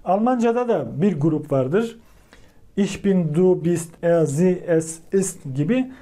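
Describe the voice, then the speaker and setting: A man teaching a language lesson, repeating each word slowly and calling out to his viewers as he drills grammar forms. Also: high voice, warm tone.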